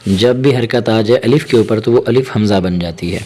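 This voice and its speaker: Man teaching Quran letters, slow drawn-out syllables. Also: on the low side, mellow, a little hiss or hum. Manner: quick explanations, then slow drawn-out syllables. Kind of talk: spelling-out lesson.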